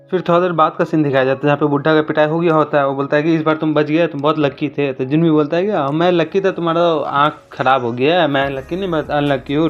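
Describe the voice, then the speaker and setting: A man retelling a comic story in a casual recap, talking rapidly and briefly raising his voice for quoted lines. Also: fairly high pitch. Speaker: manhwa recap narrator. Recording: dull lo-fi voice-over with faint music.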